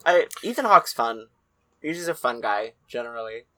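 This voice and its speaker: Very bright-voiced man, casual podcast co-host. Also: mid-range voice, big pitch swings, normal speed. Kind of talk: casual film discussion.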